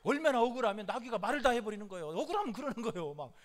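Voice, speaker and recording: Male pastor, sermon, high voice, emphatic, repetitive, frequent hallelujah calls. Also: lively intonation, racing.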